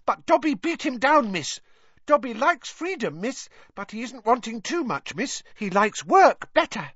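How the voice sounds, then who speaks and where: A woman voicing an excitable, timid male house elf in a storybook, with a squeaky voice and deferential, broken third-person grammar. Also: a little slow, slightly rough, no room sound, dull audio, heavily acted. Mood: eager, earnest.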